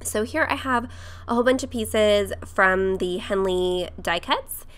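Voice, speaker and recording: A woman whose voice is hoarse from a cold talks through her craft project in a relaxed, chatty voice-over. Her pitch sits in a middle range, and she scatters fillers and small laughs as she explains each step. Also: a little slow. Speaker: craft vlogger. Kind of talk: casual voice-over tutorial.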